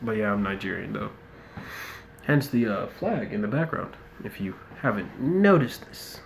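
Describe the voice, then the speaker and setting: In an indoor room, a young American man plays a mobile football game and offers laid-back commentary, muttering asides and ranting occasionally. His voice sits on the low side with vocal fry, he talks at a normal speed, and there's slight background noise.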